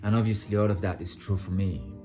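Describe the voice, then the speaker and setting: Speaking fairly quickly in a low, steady voice, a man shares personal insights with his audience in an off-the-cuff vlog, with music in the background. He's blunt and profane, working himself up to passionate outbursts.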